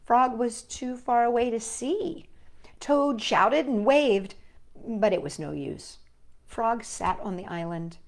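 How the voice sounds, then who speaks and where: Reading children's stories and poems with lots of expression, a woman hosts a storytime and talks directly to her young audience. Her voice sits a little high and she takes her time.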